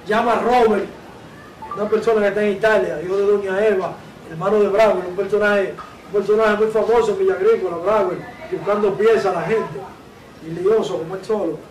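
A man tells a story as an interview guest, his voice pitched high. He acts out each quoted person as he goes, with lively shifts of voice. A faint noise sits behind him. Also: fairly quick.

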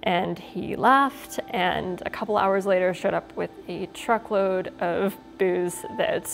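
A woman who runs a restaurant talks through her memories for a documentary, with a few ums along the way. Her voice has a gravelly edge, and soft music plays underneath. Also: mid-range voice, slow pace. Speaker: restaurant owner. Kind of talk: documentary interview.

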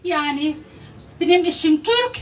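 A woman in her fifties with an Arabic accent, giving a public speech in halting, broken non-native Turkish. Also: extremely high pitch, animated, slight background noise. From Palestinian, raised in Lebanon. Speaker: guest speaker at a rally. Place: outdoor square, stage with PA. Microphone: podium mic, filmed by far camera. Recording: distant mic, outdoor loudspeaker sound.

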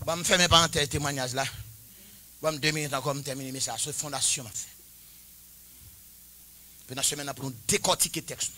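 A man in his forties preaching a sermon, chanting and shouting at the peaks and dropping to quiet, confiding talk between them. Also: on the high side, steady tone, brisk, long pauses, slight background noise. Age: 40s. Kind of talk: Pentecostal-style sermon.

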